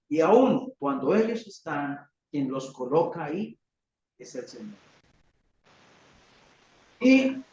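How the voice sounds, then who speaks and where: Colombian male preacher, high slow voice, dramatic rhetorical sermon, echoey dull church recording. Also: distant mic, a little hiss or hum. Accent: Colombian Spanish. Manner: dramatic, rhetorical questions, acts out cries.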